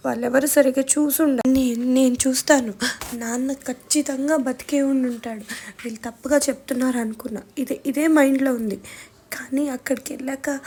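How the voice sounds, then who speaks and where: A woman's voice: high voice, dark tone. A young woman vlogger telling a personal family story with emotion, acting out what her relatives said. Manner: emotional retelling, acts out family members' words.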